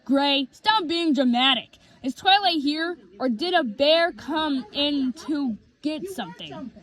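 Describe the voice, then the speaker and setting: A woman's voice: high voice, animated, slow, a bit bright, heavily acted. A woman voicing an impatient, grumpy male creature in a storybook reading, with a scolding tone. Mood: scoffing.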